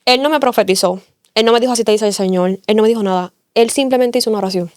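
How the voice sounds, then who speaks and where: Woman, earnest testimony, smooth clear voice, dry close sound. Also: a little high, very fast, a little mellow, no echo. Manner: earnest, storytelling, repeats phrases for emphasis. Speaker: interview guest giving testimony. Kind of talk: emotional faith testimony.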